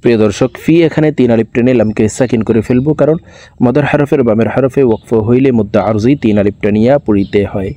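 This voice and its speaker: A man's voice: medium pitch, mellow, dry recording. A man giving a patient, step-by-step Quran reading lesson, explaining pronunciation rules. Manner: patient, explains pronunciation rules, then recites slowly and drawn out. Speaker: Quran recitation teacher.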